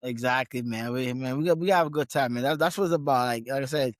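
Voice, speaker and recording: A man from Guyana, a gym owner and trainer, chatting casually as a podcast guest, relaxed and often restarting his sentences. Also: medium pitch, fast talker, dry recording. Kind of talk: casual interview conversation.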